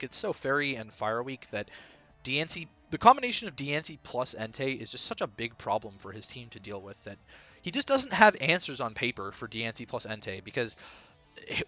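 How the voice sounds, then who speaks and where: A man's voice: medium pitch, bright, forceful tone. A man talking casually as a team coach, explaining his strategy in a rambling way full of ums and uhs.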